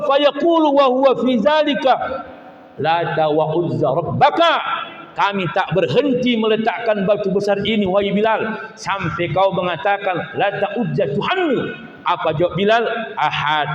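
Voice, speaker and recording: Humorous male preacher, high voice, long hall reverb. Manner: animated, acts out dialogues in playful voices. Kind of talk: humorous sermon. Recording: echoey hall, slightly muffled.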